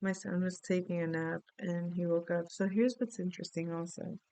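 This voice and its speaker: A middle-aged woman from the Dominican Republic chats her way through a rambling story during a reading. Her voice has a gravelly fry, yet it stays smooth and resonant. The sound is close and dry. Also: lowish voice, fairly even intonation, normal speed, dark tone, no room sound, poor audio. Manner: rambling, chatty storytelling with many asides. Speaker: astrology and tarot reader. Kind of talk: casual spoken reading.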